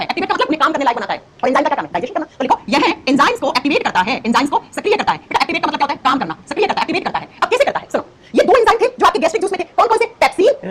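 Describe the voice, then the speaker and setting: A woman's voice: sits high, a little hiss or hum. A woman teaching an exam-prep science lesson, firing questions at her students and answering them herself. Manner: calls listeners beta and bachche.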